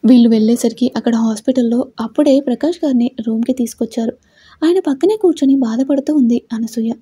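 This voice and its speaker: A woman narrating a story in a steady, even voice. Her tone is dark and mellow with a husky edge. The recording is dry and close. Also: on the high side, fast, no room sound. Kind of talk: scripted narration.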